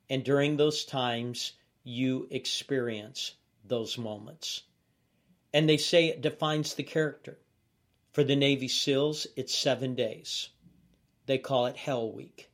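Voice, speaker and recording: A male pastor giving a motivational leadership sermon in a deliberate, measured way with pauses. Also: medium pitch.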